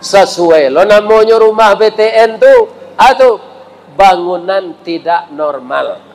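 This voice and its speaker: A man's voice: sits high, animated, slow pace, a little mellow, rough recording. A man preaching a humorous sermon with a Minangkabau accent, joking and telling stories with asides to the audience.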